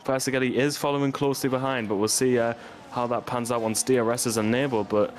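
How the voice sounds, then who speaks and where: A man co-commentating a league sim race, hesitant with fillers between points and more animated when the cars are racing. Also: mid-range voice, fast, a little hiss or hum. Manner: hesitant, many ums and restarts, gets animated during race action.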